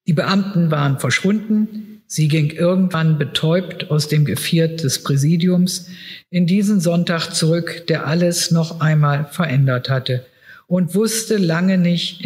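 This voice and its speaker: A man giving a measured literary reading aloud at a public event. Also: on the high side. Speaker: reader. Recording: reverberant hall.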